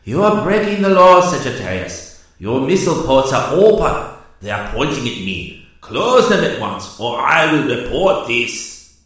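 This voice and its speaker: A heavy, reluctant enemy cruiser commander, put on by a man reading aloud. He talks slowly and stiffly, with a strained high voice full of indignation. The sound rings with a roomy echo. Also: very animated, a bit bright, recorded from a distance. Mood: indignant.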